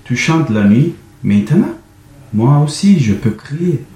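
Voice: medium pitch, big pitch swings, slow pace, warm tone, recorded from a distance, voice pushed up. A man with a Turkish accent voicing grumpy farm animals woken too early, reading them in a mock-indignant way. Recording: roomy with faint background noise.

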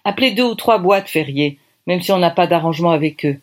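A woman reading aloud, voicing a brisk, bossy woman in charge of costumes who gives curt orders. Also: fairly low pitch, lively intonation, natural voice. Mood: commanding. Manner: curt, commanding.

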